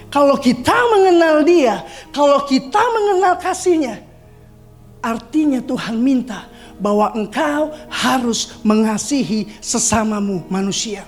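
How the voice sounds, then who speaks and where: A woman's voice: extremely high pitch, a little mellow. A woman preacher giving a sermon at a church service, conversational, reading scripture and acting out quotes.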